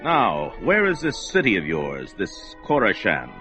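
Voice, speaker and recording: Conan, a gruff barbarian warrior. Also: male voice, fairly low pitch, huge pitch swings, measured pace, bright, forceful tone, heavily acted. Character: brash barbarian warrior hero, blunt and fearless. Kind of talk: old-time radio drama acting. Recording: dull old radio recording with music score.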